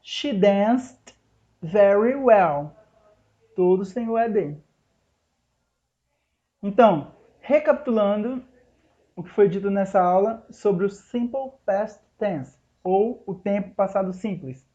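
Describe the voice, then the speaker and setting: Slow, mellow-voiced teacher, lo-fi sound. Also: male voice, high voice. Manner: explains step by step, slows down on English examples. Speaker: English teacher. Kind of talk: recorded online lesson. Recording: dull lo-fi recording.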